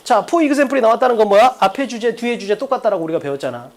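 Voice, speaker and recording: A man's voice: high-pitched, lively intonation, rapid-fire. A man teaching an exam-prep English lecture, blunt and casual, who swears and keeps firing rhetorical questions at his students. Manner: repeats key phrases often.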